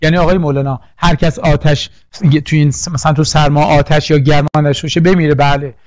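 A man's voice: a little high, level tone, darkish tone, dry recording. A man teaching a poetry lesson for exam prep, drilling lists and quizzing the class with questions. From Iran. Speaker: literature teacher.

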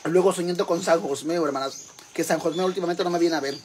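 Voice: medium pitch, fast talker, a little mellow, a little hiss or hum, natural voice. A performer voicing a crude, boastful Mexican mother with a Mexican accent, rambling gossip to her sisters in a comic monologue. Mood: brash gossip.

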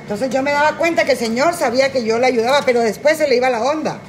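Middle-aged mexican lady on a cooking livestream, kinda tipsy and high, swears a lot, rambles, slightly high voice, faint noise in the back. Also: quick pace. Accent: Mexican Spanish. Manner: crude, joking, rambling storyteller. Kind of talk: casual livestream chat while cooking.

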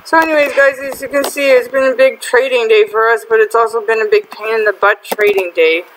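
A woman hosting a casual gaming video, chatty and excitable, often exasperated with other players. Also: on the high side, fairly quick, a little hiss or hum, low-quality recording. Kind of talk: casual gameplay commentary.

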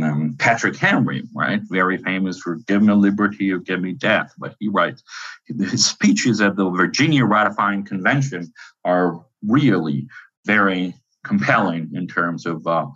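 A man's voice: low-pitched, slightly rough. Italian-accented man lecturing over a dull line. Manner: animated lecturing, many fillers and restarts. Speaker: university professor guest. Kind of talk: interview answers.

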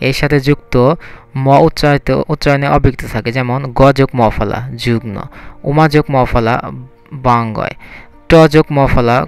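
A man tutoring online, reading through a lesson and slowing down for each example word. His voice sits at a mid pitch and comes across smooth and clear. Soft background music plays faintly beneath this home-recorded voice-over. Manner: reads word lists slowly, one word at a time. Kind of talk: reading a homework answer aloud.

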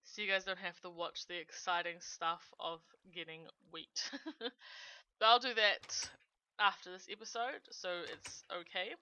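Bright-voiced woman narrating her gameplay. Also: fairly low pitch, steady tone, measured pace, clean tone, no echo, lo-fi sound. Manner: chatty, giggly, narrates each click. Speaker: gaming channel host. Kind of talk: let's play gameplay commentary.

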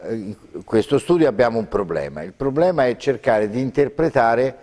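A man's voice: medium pitch, expressive, normal speed, darkish tone. Older man reasoning in a reverberant studio. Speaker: football pundit. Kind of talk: panel discussion.

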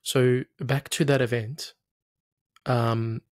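A man in his thirties with a medium-pitched voice, recorded dry. He guides a client as a therapist, asking patient questions and offering steady reassurance. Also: takes it slowly, no echo. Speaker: hypnotherapist, coach. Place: small room, video call.

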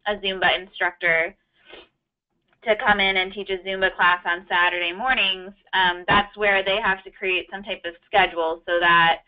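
Lower-voiced woman explaining on a webinar. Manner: explanatory, thinking aloud with hedges. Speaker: webinar panelist. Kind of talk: answering questions in a webinar. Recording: muffled web call audio.

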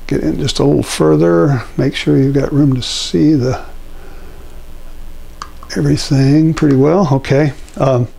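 An older man giving a relaxed, rambling painting demonstration at his easel, with many fillers, recorded on a lapel mic in a home studio. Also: on the high side, a little slow, gravelly, pauses often. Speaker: painting instructor.

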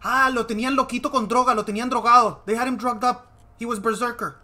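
A game streamer giving excitable live commentary, switching between Spanish and English. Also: mid-range voice, a little fast. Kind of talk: live bilingual gameplay commentary.

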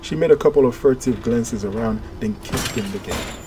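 A man narrates an audiobook in a steady, measured voice of middle pitch. Music plays clearly underneath the reading throughout. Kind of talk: scripted narration.

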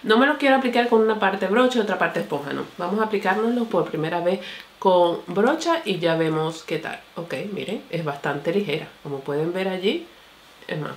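A woman's voice: on the low side, a little hiss or hum. Chatty woman beauty vlogger, echoey room. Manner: chatty, addresses viewers as señores and mi amor. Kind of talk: casual makeup review to camera.

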